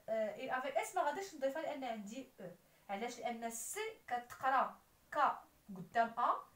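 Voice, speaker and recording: A woman with a Moroccan accent explaining French grammar as a teacher, spelling out letters and verb endings. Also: on the high side. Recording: roomy echo, voice somewhat far from the mic.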